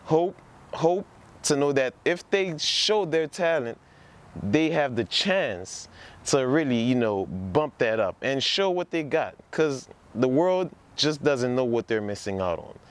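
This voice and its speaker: Introducing a music production project on camera, a New Orleans presenter speaks casually and with enthusiasm, repeating words to stress them. His mid-range voice is expressive and measured in pace, and music plays in the background.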